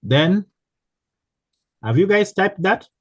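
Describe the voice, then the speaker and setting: A man teaching a programming class in a slow, halting way, with many fillers and restarts. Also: high-pitched, lively intonation, no echo. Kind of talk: live online class instruction.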